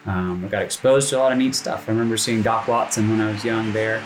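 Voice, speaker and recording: A man in his thirties from North Carolina, a musician telling his story in a casual interview, relaxed and rambling with frequent fillers and restarts. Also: fairly low pitch, fast talker, soft background music. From North Carolina, USA. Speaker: musician guest.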